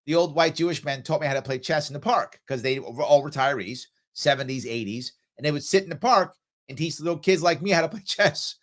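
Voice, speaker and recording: Speaking a little fast in a fairly high voice, this middle-aged South Bronx man from New York City runs a live AMA stream. He reads out viewers' comments and tosses off casual answers sprinkled with fillers.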